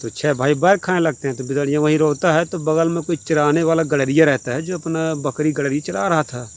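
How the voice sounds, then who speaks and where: Man, casual folk storyteller, rambling and repetitive, fairly high voice. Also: fairly quick.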